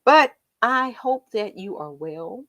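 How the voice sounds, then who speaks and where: An American woman hosts a casual livestream in a tinny, faintly metallic voice at an average pitch. She rambles in a chatty way and tosses playful asides to viewers. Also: expressive, slow pace, a bit bright. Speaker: art teacher hosting painting livestream.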